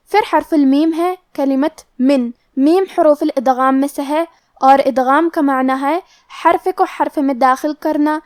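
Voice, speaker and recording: A woman's voice: high-pitched, darkish tone, dry recording, clean studio sound. A woman teaching Quran recitation, methodically explaining the pronunciation rule for each letter step by step. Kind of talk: tajweed lesson, explaining pronunciation rules.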